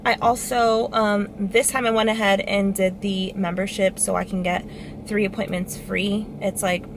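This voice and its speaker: A woman's voice: mid-range voice, little pitch movement, normal speed, noisy background. A young woman chatting casually to viewers in a vlog, talking into a handheld camera while running errands. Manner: chatty, addresses viewers directly. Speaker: vlogger. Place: car and around town, indoors and out.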